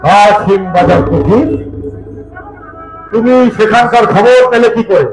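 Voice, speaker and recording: An actor playing a proud, commanding Nawab of Bengal in folk theatre, with booming, declamatory regal speech. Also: male voice, a little slow. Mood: wry, measured. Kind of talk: jatra folk theatre acting. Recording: echoey stage recording with music behind.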